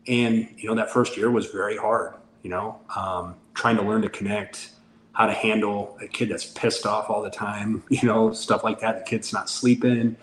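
A man's voice: fairly low pitch, steady tone, normal speed, fairly bright tone. A man in his forties, a podcast guest talking candidly in a casual interview and acting out the lines of a story he tells. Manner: candid storyteller who acts out dialogue. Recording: roomy sound with faint background noise.

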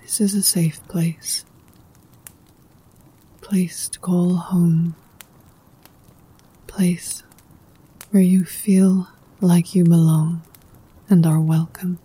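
This woman leads a guided meditation with music behind her, her lowish voice soft and breathy and frequently sinking almost to a whisper. She keeps an even tone, speaking in a hushed, calming, unhurried way with poetic scripted lines.

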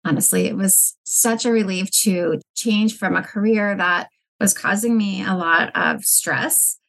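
A woman's voice: medium pitch, measured pace, vocal fry, fairly bright tone. A woman founder answering interview questions in an earnest, reflective way. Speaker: guest, business founder.

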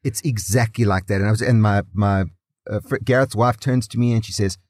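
A man's voice: on the low side, fairly quick, darkish tone, no echo, studio quality. A man, bantering emphatically as a podcast co-host. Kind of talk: casual chat.

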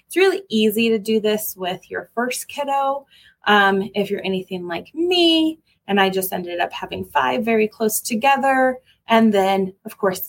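A woman who works as a parenting educator, giving an informal talk on parenting, speaking conversationally with frequent ums and restarts. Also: mid-range voice.

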